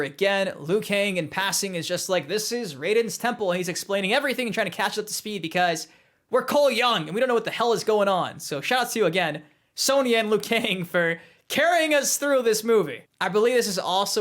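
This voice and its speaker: A young man talking casually and excitedly as a movie reviewer, breaking off into playful imitations of lines. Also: high-pitched. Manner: excitable, animated, mimics quotes.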